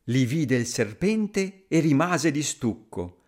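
A man reading a rhyming children's story aloud in a sing-song, expressive way. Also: on the high side, slow.

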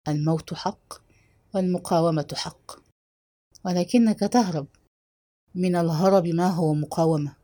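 A woman voicing a stern, determined old man who speaks gravely in a measured way in a read-aloud story. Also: lowish voice, dark tone, voice pushed down, natural voice.

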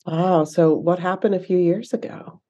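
A woman's voice: fairly low pitch, steady tone, moderate pace, mellow, lo-fi sound. A woman hosting a casual podcast interview, responding in an affirming way and asking follow-up questions.

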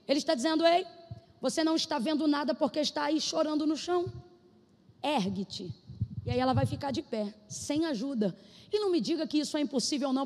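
High-pitched woman preaching in a reverberant hall. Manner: shouted prophetic declarations, then conversational. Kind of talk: sermon.

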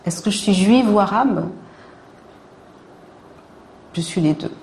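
A woman's voice: mid-range voice, slow, darkish tone. Thoughtful woman giving a testimony. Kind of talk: personal testimony in a video clip.

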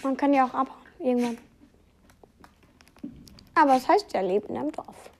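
A woman chatting casually as a co-player, with short, loud, giggly reactions. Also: high-pitched, normal speed, slight background noise. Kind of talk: casual gaming chat.

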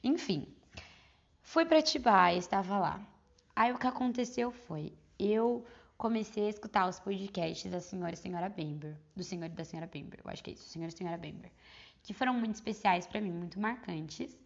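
A woman's voice: mid-range voice, lively intonation, a little fast, gravelly, highs cut off. A young woman from Brazil hosting a personal podcast, telling her story in a rambling, heartfelt way and correcting herself as she goes. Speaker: podcast host.

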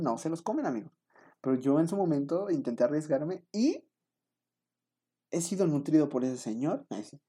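A man's voice: fairly high pitch, dark tone, slightly rough. A young man with a Mexican accent telling a rambling, self-mocking story to his viewers, full of fillers. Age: young adult. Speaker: vlogger.

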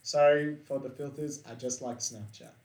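Swearing freely and bantering in a relaxed way, a young man of eighteen reads dating profiles aloud as a co-host in a casual chat. His voice is medium-pitched, steady and a little mellow, at normal speed. It is picked up from a distant mic in an echoey room.

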